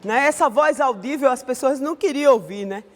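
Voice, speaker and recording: A woman's voice: sits high, brisk, long reverb tail. A woman with a Brazilian accent teaching an online Sunday school Bible lesson in a conversational way, often ending her sentences with a questioning tag. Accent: Brazilian Portuguese.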